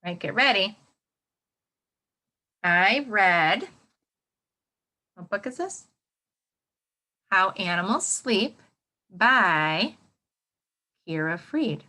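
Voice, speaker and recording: Speaking at a medium pitch with a bright, forceful, expressive voice, a woman elementary school teacher leads young children through an interactive read-aloud. She is encouraging and exaggeratedly expressive, prompting them with questions and leaving pauses for answers.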